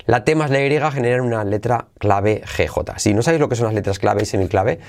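A man teaching English pronunciation in a podcast lesson, with an animated delivery that jumps in pitch to model phrases. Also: brisk.

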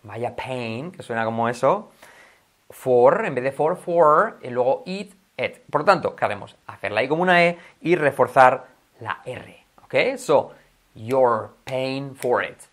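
A man from teaching English pronunciation in a video lesson, slowly repeating and drilling short phrases. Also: mid-range voice, animated, a bit bright. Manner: switches between Spanish and English.

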